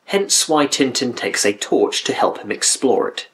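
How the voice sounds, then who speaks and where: A man's voice: medium pitch, big pitch swings, measured pace, heavy background noise. A man reading scripted review narration with dry, critical asides. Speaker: video essay narrator.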